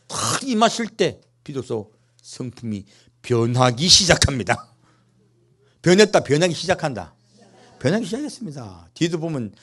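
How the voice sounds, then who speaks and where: A man with a fairly high voice preaches a sermon as pastor of a church, mixing rhetorical questions for the congregation with playful, humorous asides.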